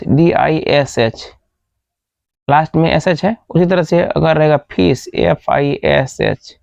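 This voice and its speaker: A man gives a grammar lesson in a gravelly voice, spelling out words letter by letter. He keeps asking questions and answering them himself. The recording is dry and dull, like a cheap close mic. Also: fairly high pitch, darkish tone, dry recording. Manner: asks the class questions, then answers them. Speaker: teacher.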